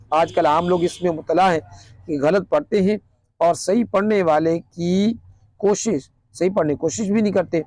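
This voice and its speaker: A Quran teacher with a Pakistani Urdu accent gives a religious lesson in an earnest, explanatory manner, his fairly high voice slightly mellow. When he recites Arabic lines he slows down considerably. The recording is dry and close.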